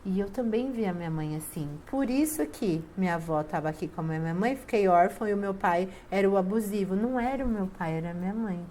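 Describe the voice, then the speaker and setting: A woman with a Brazilian Portuguese accent, a spiritual family-systems teacher, chats casually with viewers, emphatically telling personal stories and acting out quoted dialogue. Her mellow, medium-pitched voice moves a little fast with few pauses, over a slight hiss or hum.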